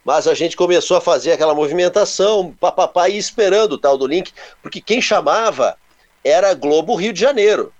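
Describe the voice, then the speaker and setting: A man, co-hosting a casual show and telling stories in an animated way with sound-effect words. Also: sits high, a little fast. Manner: animated, onomatopoeic storytelling. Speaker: co-host. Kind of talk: casual storytelling chat.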